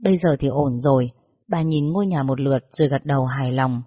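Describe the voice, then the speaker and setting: A narrator reading a story in a steady, measured way. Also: medium pitch, breathy edge. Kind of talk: scripted storytelling. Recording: dull lo-fi recording.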